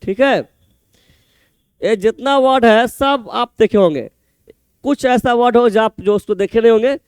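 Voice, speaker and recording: A man's voice: very high-pitched, a little slow, clean tone, dry recording. A man teaching an exam-prep spelling lesson, spelling words letter by letter and repeating each answer.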